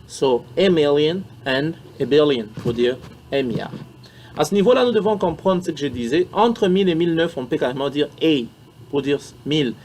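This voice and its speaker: A man teaching English in French, repeating English words and phrases slowly and with emphasis. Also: fairly high pitch, animated, a little mellow. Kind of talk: spoken English lesson in French.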